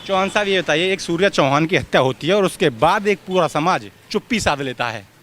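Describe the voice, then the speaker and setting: A man's voice: a little high, lively intonation, brisk, a bit bright, slight background noise. A male reporter asking people persistent questions on a busy street, pushing back hard when rebuffed.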